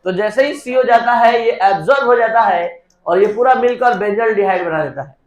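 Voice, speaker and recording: A man's voice: high-pitched, moderate pace. A man teaching a chemistry class, dictating reaction steps one by one and prompting students to answer. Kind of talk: classroom lecture. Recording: echoey classroom.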